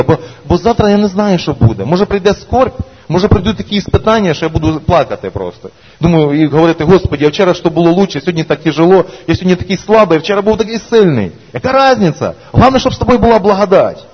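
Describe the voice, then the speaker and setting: Man, pastor, emphatic sermon, raspy voice, dull lo-fi church recording. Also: a little high. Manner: preaching, repeated "amen", rising emphatic calls. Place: church hall. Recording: echoey church hall, dull lo-fi sound.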